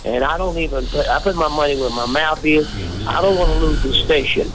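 A man's voice: a little high, fairly quick, noisy background. An older man calling in to a radio show by phone, talking in an earnest, rambling, preachy way. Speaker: caller. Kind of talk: casual radio call-in. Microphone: phone call.

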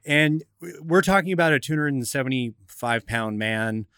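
A man's voice: medium pitch, expressive, normal speed, sharp tone, clear, resonant tone, dry recording, studio quality. A man hosting a radio talk show, explaining in an instructive, methodical way like a coach.

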